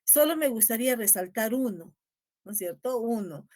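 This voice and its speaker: A woman teacher with a Peruvian Spanish accent giving a recorded grammar lesson, slow and deliberate, tagging almost every phrase with a question and repeating key words. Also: on the high side, expressive, a little mellow. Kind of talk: recorded class lecture.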